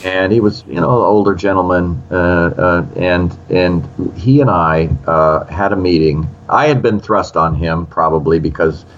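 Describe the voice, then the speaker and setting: A screenwriter in his sixties, appearing as an interview guest, tells a story animatedly and acts out quotes in other voices. His voice is low and his pace measured, with hardly any pauses. The sound is lo-fi, with slight background noise.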